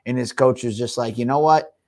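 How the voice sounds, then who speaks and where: A man's voice: medium pitch, fairly quick, darkish tone. Man, podcast host, casual chat, rambling, laughs often. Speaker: podcast co-host and fight promoter.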